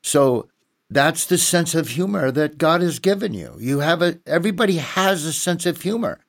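A man chatting casually and telling stories, animated and laughing often. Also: a little high, normal speed, gravelly, no room sound, studio quality. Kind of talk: casual chat.

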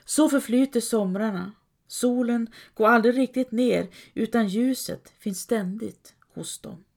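A woman reading a story aloud as calm scripted narration, lightly voicing quoted characters. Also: medium pitch, gravelly. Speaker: audiobook narrator.

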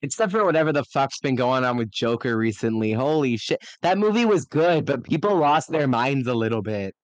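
A man playing a tabletop game with friends talks casually and bluntly, swearing freely and drifting into tangents. His voice is mid-pitched, smooth and resonant, and it sounds dry and close. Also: expressive, brisk, no echo. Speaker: player. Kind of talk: casual chat.

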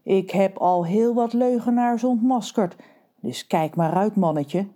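A woman's voice: mid-range voice, unhurried, mellow, close to an everyday voice. Woman doing a stern, strict mother. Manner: stern, commanding. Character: stern mother, factory director, strict and sharp-eyed.

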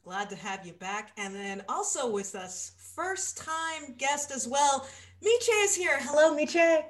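A woman's voice: sits high, animated, slow pace. A woman hosting a rewatch podcast, upbeat and welcoming as she introduces her guests. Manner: upbeat, welcoming, laughs often. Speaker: podcast host. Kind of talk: casual podcast chat.

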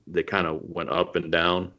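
Very deep-voiced man chatting casually. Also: completely flat delivery, moderate pace, pushed and bright. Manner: laid-back, profane banter. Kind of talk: casual chat. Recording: dull lo-fi sound.

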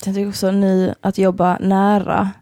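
A woman's voice: medium pitch, monotone, dark tone, no room sound. Young woman telling stories, dry close sound. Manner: vivid storyteller, swearing, laughing. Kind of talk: casual chat.

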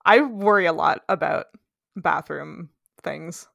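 A woman co-hosts a relaxed podcast about a book, her voice slightly low and recorded dry and close. She poses puzzled questions and laughs easily as she talks. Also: vocal fry, dry recording. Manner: quizzical, quick to laugh. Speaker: podcast co-host. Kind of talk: casual book-club chat.

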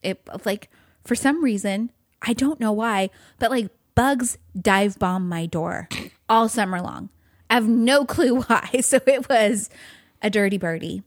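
A woman's voice: fairly high pitch, a little slow, no room sound, studio quality. A woman chatting casually as a podcast co-host in a bubbly, gushing way, peppering her talk with "like" and repeating words for emphasis. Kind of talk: casual chat.

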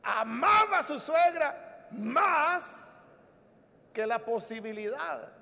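A male preacher giving a sermon, retelling Bible stories in an animated way that swings between soft and loud. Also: very high voice, slow pace, gravelly. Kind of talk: sermon with acted-out Bible scenes. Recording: long reverb of a large hall.

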